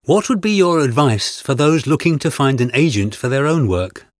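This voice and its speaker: A man reading a scripted interview with measured, announcer-like delivery, introducing each extract and asking the questions. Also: mid-range voice, big pitch swings, no echo, studio quality. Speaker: interviewer and exam narrator.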